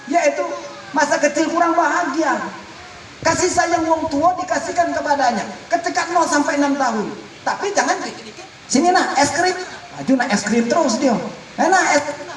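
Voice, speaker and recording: A man preaching a sermon, lively and acting out quoted parents and children, sometimes shouting. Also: extremely high pitch, recorded from a distance. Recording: echoey room, voice from off-mic, faint noise.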